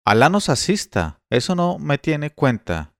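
A man voicing a coarse, stubborn Bedouin slave seller who talks loudly and bluntly in a read-aloud tale. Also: a little high, sing-song, a little slow, dry recording, clean studio sound, pitched above the performer's own voice. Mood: gruff, stubborn.

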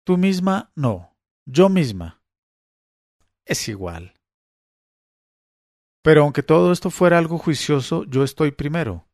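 A man's voice: a little high, sing-song, unhurried, pauses often, no room sound, studio quality, pitched above the performer's own voice. A man reading the lines of an anxious woman who argues on the phone, insisting like a prosecutor. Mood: insistent. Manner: tense, argumentative. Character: nervous woman who feels watched.

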